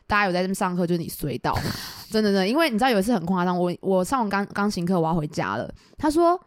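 A young woman from Taiwan with a Taiwanese Mandarin accent, co-hosting a podcast and telling stories in a casual chat, acting out the people she quotes in lively voices. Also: mid-range voice, very fast, no echo, clean studio sound. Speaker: podcast co-host.

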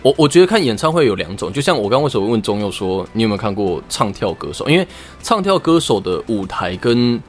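A man's voice: fairly low pitch, very animated, quick pace. A man with a Taiwanese accent hosting a podcast in a casual, conversational style. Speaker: podcast host. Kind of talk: casual chat.

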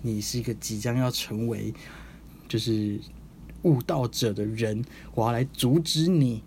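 A man's voice: medium pitch, a little slow, darkish tone, a little hiss or hum, lightly acted. A man hamming up a boastful demon king. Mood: gloating.

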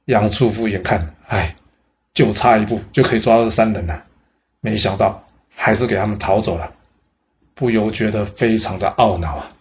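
Guy telling an old history story, lively and exclamatory, lots of drawn-out "ah"s. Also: fairly low pitch. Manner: exclamatory, many drawn-out particles.

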